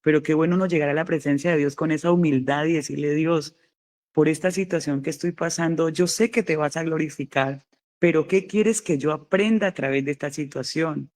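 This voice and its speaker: A woman preacher giving a fervent sermon testimony, repeating her exhortations and slowing down on key phrases. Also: low voice, fairly even intonation, darkish tone.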